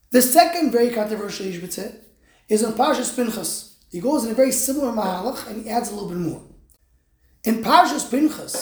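A woman's voice: fairly high pitch, darkish tone. A woman with giving an explanatory religious lecture in an emphatic way, posing rhetorical questions. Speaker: religious teacher. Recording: roomy, echoing sound.

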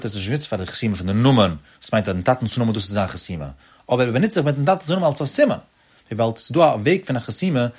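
A man teaching a religious-law lesson in a mid-pitched voice. His delivery lilts and sings, jumping up suddenly before settling back down. He talks straight to his listeners, calling them friends as he explains. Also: breathy edge. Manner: addresses listeners directly as friends.

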